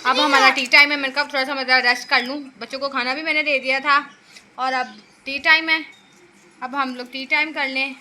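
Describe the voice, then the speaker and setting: A woman's voice: high voice, fairly even intonation, fairly quick, bright, forceful tone, a little hiss or hum. A young woman, a mother, chatting casually to her viewers in a rambling family vlog.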